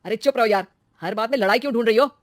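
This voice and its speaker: A woman voicing a hot-tempered young husband in a cartoon story, speaking loudly and quick to argue. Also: fairly high pitch, no echo, studio quality, close to an everyday voice. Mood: angry.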